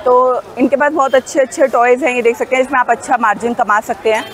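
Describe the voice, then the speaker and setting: A woman's voice: a little high, fairly even intonation, fast, some chatter behind, rough recording. A woman filming a walking tour of an outdoor wholesale market on her phone, chatting to viewers about prices and bargaining with sellers. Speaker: shopping vlogger.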